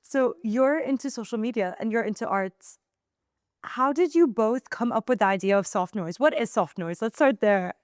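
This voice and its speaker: A woman's voice: fairly high pitch, animated, moderate pace, dry recording, clean studio sound. A woman hosting a casual interview, asking questions in an upbeat, friendly way. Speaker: host.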